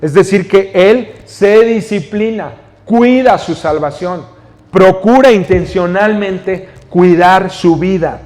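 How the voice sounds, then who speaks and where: High-voiced Mexican pastor in a reverberant hall. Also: male voice, takes it slowly, darkish tone. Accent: Mexican Spanish. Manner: teaching, reads scripture then explains, asks the congregation questions. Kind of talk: sermon. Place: church hall.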